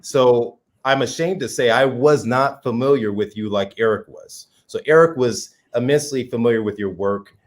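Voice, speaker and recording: A man's voice: medium pitch, moderate pace, few pauses. A man co-hosting an interview show, talking in an enthusiastic, chatty way and laughing easily. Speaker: co-host. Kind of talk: casual conversation.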